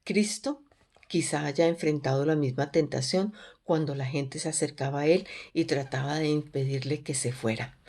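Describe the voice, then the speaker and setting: A woman with a notably low, deep and slightly mellow voice leads a Bible study. Earnest and measured, she repeatedly turns questions back to her listeners.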